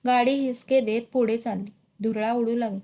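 A woman narrating a literary short story with a steady, measured reading. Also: a little high. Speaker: story reader.

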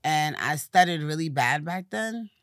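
A woman with a light lisp, speaking as a publicist guest in a relaxed, casual interview conversation. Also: deep voice, measured pace, dry recording, studio quality. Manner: relaxed, conversational, fillers like "you know".

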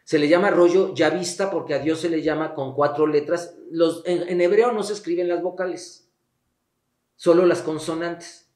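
A man's voice: on the high side, steady tone, normal speed, a little mellow. A man, explaining things as a guest expert in an interview, emphatic and blunt, like a teacher. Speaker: guest expert on the Bible and sexuality. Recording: echoey room.

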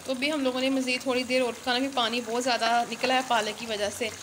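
A young woman with a high voice chats through a home cooking video. She talks directly to her viewers. The sound of frying and stirring comes through clearly behind her. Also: flat delivery, fast talker, background noise. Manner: chatty, addresses viewers directly. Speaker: cooking channel host. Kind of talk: casual cooking video chat. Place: home kitchen. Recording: home kitchen with clear sizzling. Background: frying and stirring in a pot.

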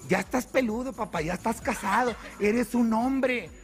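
A man's voice: very high-pitched, normal speed, faint music behind. Man putting on a scolding sarcastic wife.

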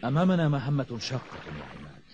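Earnest, animated heroic ship captain. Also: male voice, mid-range voice, quick pace. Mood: resolute. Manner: earnest, commanding, formal diction. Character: brave, pious, resolute adult male ship captain hero. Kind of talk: cartoon voice acting. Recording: dull, slightly noisy old cartoon soundtrack.

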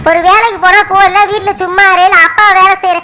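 A stern, lecturing older sister, played by a woman in a village cartoon. She speaks in a very high, bright voice. She scolds steadily and never lets up. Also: level tone, quick pace, slight background noise. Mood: scolding. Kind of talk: cartoon voice acting.

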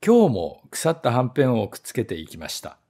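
A man, a voice actor, reading a story aloud in measured, expressive narration. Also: mid-range voice.

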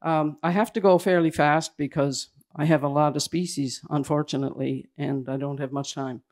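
A man giving a slide presentation at a public event indoors, talking in a hurried, halting way that keeps restarting its phrases. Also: on the high side, fairly even intonation, a little mellow. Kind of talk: slide presentation to a live audience.

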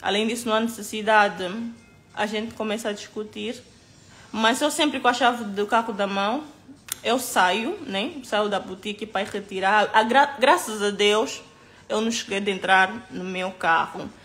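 A woman's voice: medium pitch, measured pace, a bit bright, faint music behind. A woman recounting an incident to camera in casual storytelling, emphatic and hesitant, with many asides.

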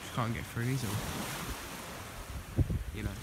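A man's voice: medium pitch, steady tone, measured pace. A male angler chatting offhandedly about bites and bait on a beach at night. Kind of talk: casual fishing chat. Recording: loud surf and wind at night.

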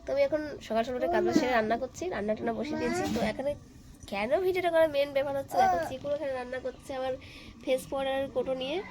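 A young woman with a hoarse, cracking voice, chatting casually and rambling as she narrates her home vlog. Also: high-pitched, rapid-fire, background noise. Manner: chatty, rambling, many fillers. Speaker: vlogger. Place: voice-over recorded later at home.

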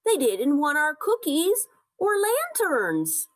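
Woman doing a big gentle storybook bear, slow and kind. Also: high-pitched, wildly swooping pitch, voice pushed up, full character voice.

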